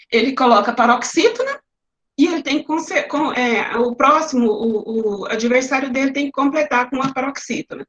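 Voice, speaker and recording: A woman teacher with a high-pitched, slightly bright voice and a Brazilian Portuguese accent presents classroom activities in an online lecture. She walks through them step by step with examples. The webinar audio is roomy and a bit muffled.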